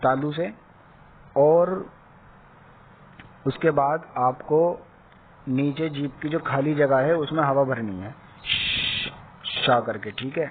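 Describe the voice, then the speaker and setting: Patient male teacher on a tinny line. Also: mid-range voice. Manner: patient, repeats each sound, often checks understanding. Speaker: Quran reading teacher. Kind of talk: slow step-by-step lesson. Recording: tinny phone-like audio with faint hiss.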